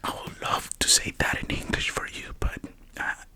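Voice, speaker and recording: Whispered role-play, hushed library whisper. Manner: halting, soft-spoken explaining with self-corrections. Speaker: ASMR performer playing a librarian.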